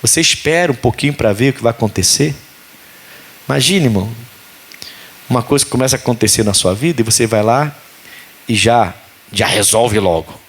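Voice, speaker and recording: A man's voice: medium pitch, brisk, long pauses, slightly rough. A man preaching a sermon as pastor, telling stories and acting out the dialogue. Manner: animated storytelling preacher, acts out dialogue.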